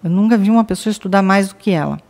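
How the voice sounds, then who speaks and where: A woman from Brazil, a podcast guest, telling a family story in a lively way and acting out her relatives' lines. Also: medium pitch, rapid-fire. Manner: lively, acts out family members' quoted lines. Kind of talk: casual storytelling in conversation.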